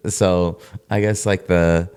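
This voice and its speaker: A man's voice: low voice, flat delivery, takes it slowly, darkish tone, clean tone. Easygoing male podcast co-host. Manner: easygoing, stumbles and restarts. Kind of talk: casual podcast chat.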